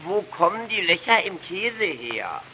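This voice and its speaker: A man's voice: very animated, unhurried, heavily acted. A man voicing a whiny, curious little boy who keeps pestering at the dinner table. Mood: whining. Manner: whining, pestering, shrill. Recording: dull noisy old record.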